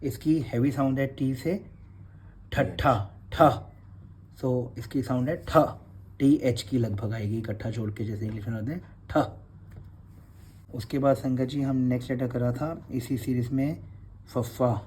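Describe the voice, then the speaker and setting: A man's voice: medium pitch, steady tone, moderate pace, dark tone, husky. A man, teaching Gurmukhi letters in a revision class and patiently repeating each sound.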